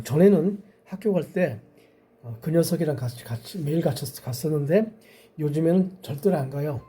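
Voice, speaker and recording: A man teaching English grammar, explaining step by step and slowly drawing out English example sentences. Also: on the high side, mellow, husky. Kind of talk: explaining lesson to parents and teachers.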